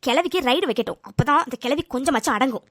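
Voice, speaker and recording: Brief: woman as loyal protective cartoon friend; quick, high, emphatic, close dry mic. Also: animated, fairly bright tone, no room sound. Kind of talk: cartoon voice acting.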